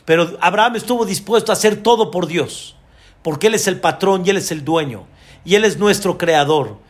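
A man's voice: sits high, normal speed. A man giving a Torah class as a rabbi, addressing listeners directly with rhetorical questions and emphatic repetition.

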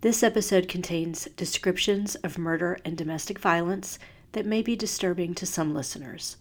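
A woman hosting a true crime podcast, reading scripted narration in a measured, serious storytelling manner. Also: on the low side.

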